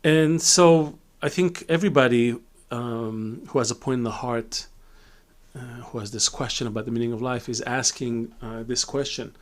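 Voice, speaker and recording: Middle-aged man from Israel, reflective teacher in a live Q&A, halting and full of restarts, mid-pitched voice. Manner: reflective, many fillers and restarts. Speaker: Kabbalah teacher. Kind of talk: live Q&A talk.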